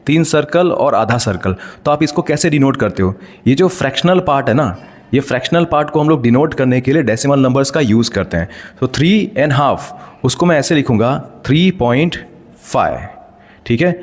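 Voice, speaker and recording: A man explaining decimals step by step as a teacher, patient and checking in frequent rhetorical questions. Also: mid-range voice. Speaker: math teacher. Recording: long hall reverb.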